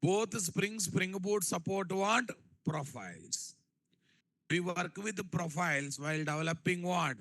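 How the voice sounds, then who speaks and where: A man's voice: high voice, pushed and bright, no room sound, low-quality recording. A man with a Telugu Indian accent teaching a technical class, repeating phrases and quizzing his listeners with rhetorical questions. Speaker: programming instructor. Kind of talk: live classroom-style technical lecture.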